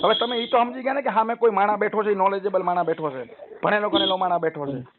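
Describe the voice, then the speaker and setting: A man's voice: high-pitched, fast talker. A man arguing his case at length on a recorded phone call, persuasive and lecturing. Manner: persuasive, lecturing, long-winded. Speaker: loan customer on a phone call. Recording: tinny phone line, faint noise.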